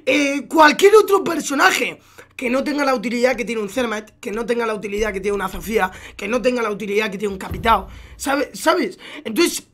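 An excitable man with a Spain Spanish accent streaming a shooter game, explaining his play and swearing freely. His voice is bright and sharp, and he breaks into quick English callouts at his teammates. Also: very high-pitched. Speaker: gaming streamer. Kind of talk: live gameplay commentary.

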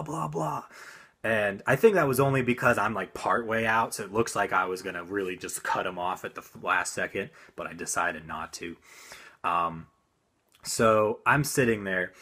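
Husky, low young man telling a story. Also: a bit bright. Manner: rambling with frequent restarts and swearing. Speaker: vlogger. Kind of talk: casual storytelling.

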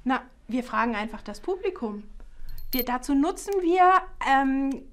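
A middle-aged woman, a professor, speaking in a lively scripted video trailer, recorded in a studio on a lapel mic. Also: high voice, measured pace. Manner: lively, standing and gesturing while talking. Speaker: art education professor, keynote speaker.

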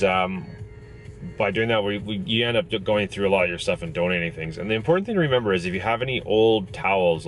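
With a deep voice, a thirtysomething man vlogs his family's day in a chatty, upbeat way, first in the family van and later in the living room. He films himself with the camera at arm's length, and a little hiss or hum sits under the audio.

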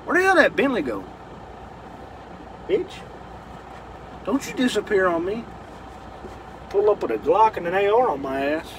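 High, animated trucker swearing. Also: male voice, normal speed, pauses often, noisy background. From Kentucky. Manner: loud, swearing, joking, easily rattled. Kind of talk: profane running commentary.

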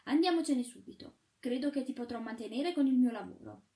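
A woman's voice: high-pitched, brisk, mellow, roomy sound, distant mic. A woman voicing a devoted young porcelain chimney sweep who speaks in an earnest, encouraging way.

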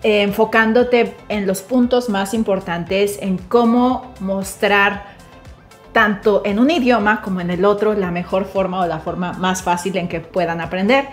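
A woman's voice: medium pitch, steady tone, a little slow. Woman, 30s, Mexico City accent, upbeat co-host, lapel mic, light music under. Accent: Mexican Spanish. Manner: cheerful, laughs often. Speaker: co-host, Spanish teacher. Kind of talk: casual bilingual chat. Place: home kitchen.

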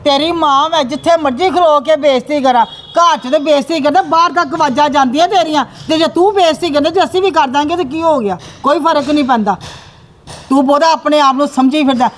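A woman playing a sharp-tongued scolding aunt. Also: sits high, natural voice. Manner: scolding, lecturing, rapid retorts. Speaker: aunt Manju scolding the son. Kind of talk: amateur family skit acting. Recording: faint background noise.

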